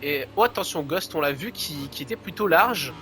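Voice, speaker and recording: A man's voice: a little high, animated, moderate pace, pushed and bright, faint music behind. A man giving live play-by-play as a motorsport commentator on a motorcycle racing game.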